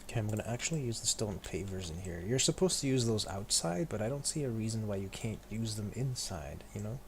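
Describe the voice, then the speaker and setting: Male game streamer, lowish voice, casual running commentary with chat, noisy background. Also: lively intonation, brisk. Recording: clear background noise.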